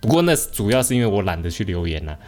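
Low-voiced man, hesitant podcast talk. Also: very animated, fast talker, faint music behind. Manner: soft-spoken, hesitant, mixes in English words. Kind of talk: casual podcast chat.

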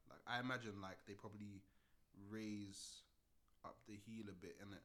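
A man's voice: lowish voice, steady tone, normal speed, a bit bright. A young man with a London roadman accent bantering casually in slang, often repeating himself for emphasis. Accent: London roadman (urban London slang accent).

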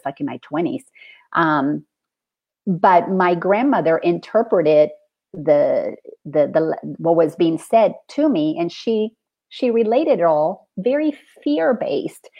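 A middle-aged woman from the Dominican Republic, hosting a spiritual conversation and telling her story with earnest, animated feeling. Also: lowish voice, lo-fi sound.

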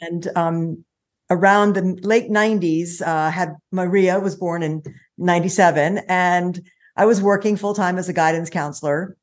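In a chatty interview full of fillers, a middle-aged small business owner from the United States recounts her story. Her voice is on the low side, steady in tone, and at a normal speed.

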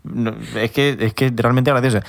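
A man's voice: mid-range voice, fairly even intonation. Playful young man. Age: late 20s. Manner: playful, teasing, quick laughs. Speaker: podcast co-host. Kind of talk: casual chat.

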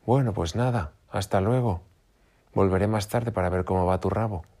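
Conejo macho pícaro y guasón de cuento, interpretado por el narrador. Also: male voice, on the low side, normal speed, mellow, pitched above the performer's own voice, natural voice. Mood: teasing. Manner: playful, mocking, light. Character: sly mischievous male rabbit, teasing.

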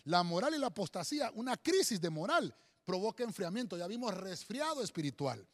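High, lively Spanish-speaking male pastor preaching. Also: a little fast. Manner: emphatic preaching, often addressing listeners as "hermano"; teaching at a board, writing and spelling words aloud. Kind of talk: sermon. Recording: long hall reverb.

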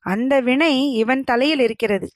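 A woman voicing a frail old male hermit who speaks in a soft, feeble, dreamy voice in a told story. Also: sits high, a little slow, dry recording, clean studio sound. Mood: solemn.

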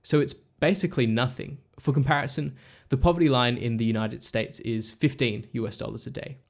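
A man's voice: mid-range voice, steady tone, brisk, gravelly. Male podcast host narrating a script.

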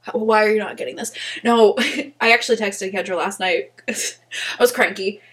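A woman's voice: medium pitch, normal speed, fairly bright tone. A woman co-hosting a podcast, talking in a blunt, emphatic casual chat with some swearing. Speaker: podcast co-host.

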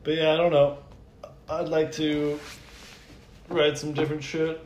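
A man's voice: on the high side, flat delivery, unhurried, darkish tone, dull audio. Bro-ish man in an echoey room. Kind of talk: casual chat. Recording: echoey room, faint noise.

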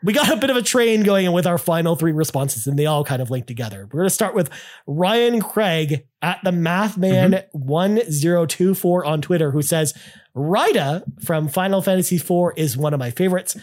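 A man's voice: high-pitched, expressive, moderate pace, a little mellow. A man co-hosting a casual gaming podcast, reading out listener comments with lots of enthusiastic restarts. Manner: enthusiastic, many restarts and "I mean". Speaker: podcast co-host.

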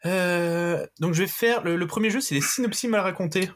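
A man's voice: high-pitched, moderate pace. A man hosting a casual podcast quiz with friends, joking around and explaining the game rules at length. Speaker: quiz host.

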